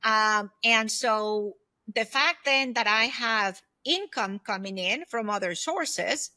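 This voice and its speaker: A woman in her fifties, a former aerospace executive guesting on a podcast, gives advice in a slow, emphatic, conversational interview, often checking the listener follows. Her voice is bright, forceful and a little high, recorded dry and close with no echo.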